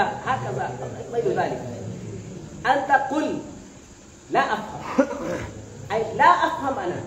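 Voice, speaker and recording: A student from Bangladesh with a high voice gives classmates a rousing motivational speech, questioning them so they call back responses. The recording is echoey and noisy, with his voice far from the mic.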